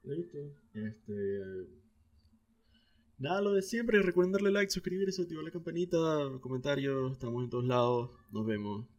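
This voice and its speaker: A young adult man with a Venezuelan Spanish accent, co-hosting a podcast in a relaxed, slangy, rambling chat. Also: on the high side, normal speed, lo-fi sound. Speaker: podcast co-host. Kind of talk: casual chat.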